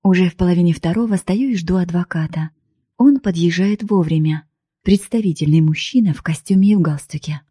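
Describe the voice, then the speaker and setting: A woman reading first-person audiobook narration in a calm, even way. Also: fairly low pitch, fairly quick, husky, dry recording, clean studio sound. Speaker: audiobook reader.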